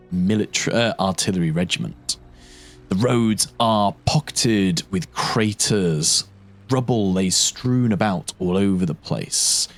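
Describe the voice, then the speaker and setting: A man narrating a tabletop role-playing game as game master, describing scenes deliberately and sometimes correcting himself. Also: on the low side.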